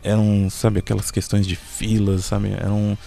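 A man's voice: fairly low pitch, flat delivery, measured pace, gravelly, warm tone, faint music behind. A man, talking as a panel guest in a casual discussion, searching for his words and repeating himself.

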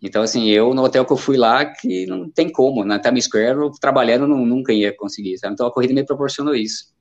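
A man's voice: mid-range voice, fast. A Brazilian man in his fifties, an amateur runner chatting casually as an interview guest and telling rambling stories. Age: 50s. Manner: rambling, storytelling, many fillers. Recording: dull lo-fi sound.

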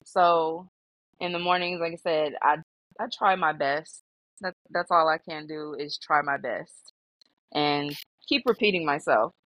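Mom of three chatting on a podcast, woman, lowish voice, earnest, says things twice, dry close sound. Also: measured pace, dry recording, rough recording. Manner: earnest, repeats herself, animated when quoting herself. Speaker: guest, stay-at-home mom. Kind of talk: candid podcast chat.

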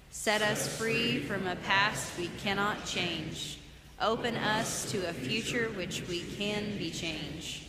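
Woman praying slowly in cathedral echo. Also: medium pitch. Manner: slow, measured, prayerful delivery. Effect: cathedral-like echo of a large sanctuary. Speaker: pastor leading worship. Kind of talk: liturgical prayer reading. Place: large church sanctuary. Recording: long church reverb with clear background noise.

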